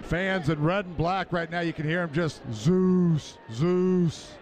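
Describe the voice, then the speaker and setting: A man's voice: fairly high pitch, fairly even intonation, normal speed, soft background music. A man working as a color commentator, giving live American football analysis on the radio. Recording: stadium radio broadcast, clear background noise.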